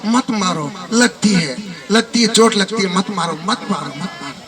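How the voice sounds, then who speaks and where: A man's voice: high-pitched, expressive, moderate pace, pitched below the performer's own voice. A man doing a whimpering stone begging. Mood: pleading. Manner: pleading, repeating itself. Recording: far from mic, loud crowd.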